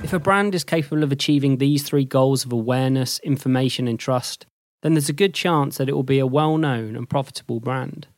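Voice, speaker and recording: Measured man explaining advertising steps. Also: medium pitch, dry recording. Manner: measured, even delivery. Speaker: host and lecturer. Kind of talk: scripted explanatory narration.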